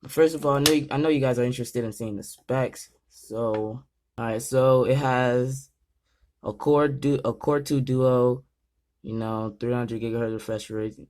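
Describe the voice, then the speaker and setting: A man's voice: medium pitch, fairly even intonation, moderate pace, darkish tone. Nervous rambling young man. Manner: nervous, rambling, stumbles over words. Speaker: gaming channel host. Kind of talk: casual vlog commentary.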